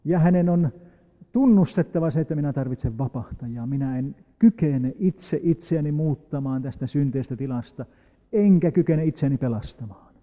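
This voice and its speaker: A man preaching a sermon, reading scripture slowly and rising into emphatic, loud appeals. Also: fairly high pitch. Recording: dull lo-fi recording with long hall reverb.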